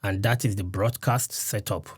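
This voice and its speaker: A man testing a studio condenser microphone up close, calmly explaining each setting step by step. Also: on the low side, moderate pace, breathy edge, no room sound. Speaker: gear reviewer. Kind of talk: mic test demonstration. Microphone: studio condenser mic close up.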